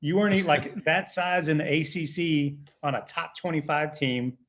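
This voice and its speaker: A man's voice: a little high, steady tone, normal speed, fairly bright tone. A man hosting an interview, talking casually and enthusiastically, with lots of fillers and teasing his guest. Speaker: interview host.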